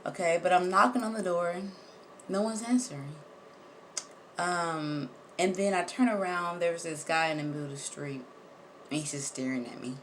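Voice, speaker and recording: A woman telling a personal story straight to her viewers, animated and emphatic, repeating words for effect and swearing casually. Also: lowish voice, normal speed, a little hiss or hum. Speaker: vlogger.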